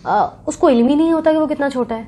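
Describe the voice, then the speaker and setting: A woman with a high voice speaks as a guest in a sit-down interview. She answers earnestly and at length, stopping often to collect her thoughts. She slips English words into her sentences. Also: mellow. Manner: earnest, thoughtful, talks at length, with frequent pauses. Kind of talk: reflective interview conversation.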